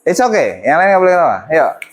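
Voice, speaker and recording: A man's voice: a little high, very animated, fast. A male English teacher instructing a classroom, mixing English phrases into his talk and prompting students.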